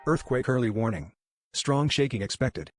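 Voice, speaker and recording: A synthetic woman's voice giving an automated emergency warning, heard like a distant air-raid loudspeaker, slowed and deepened. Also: animated, slightly rough, dry recording, clean studio sound, faint music behind. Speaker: emergency alert announcer.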